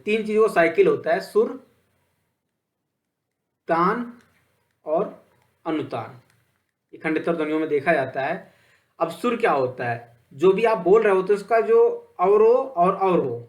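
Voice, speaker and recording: A male teacher giving a Hindi grammar lecture, asking questions and answering them himself. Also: sits high. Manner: plain, steady explaining with frequent fillers.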